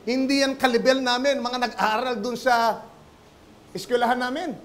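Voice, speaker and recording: A man's voice: very high-pitched, fairly even intonation, normal speed. A man voicing a young seminary graduate who lectures his mother dismissively. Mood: scornful.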